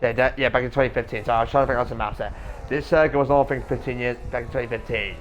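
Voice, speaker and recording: A man doing live motor racing commentary as an informal race caller, chatty between moments of action and rising excitedly with it. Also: medium pitch, very fast, dull audio. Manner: informal, chatty streamer-like asides. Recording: noisy audio with vehicle sounds.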